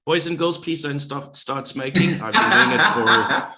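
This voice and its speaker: A man's voice: medium pitch, a little slow, a crowd in the background. A middle-aged man, a former radio presenter, speaking as a guest on a podcast in a confident, well-projected delivery. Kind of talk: podcast interview.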